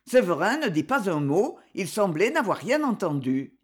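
A woman narrating a storybook with an expressive, unhurried delivery. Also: mid-range voice, slightly rough. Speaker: audiobook narrator. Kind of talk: storybook reading.

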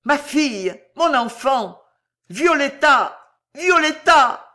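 A reader voicing a huge, rough male executioner who declaims with big emotional swings. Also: medium pitch, animated, slow. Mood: anguished shouting.

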